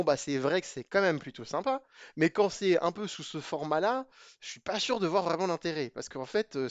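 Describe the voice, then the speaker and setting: A man's voice: a little high, no echo, dull audio. A man giving a casual spoken review of programming books to his viewers, chatty and opinionated, hesitating with many fillers and restarts.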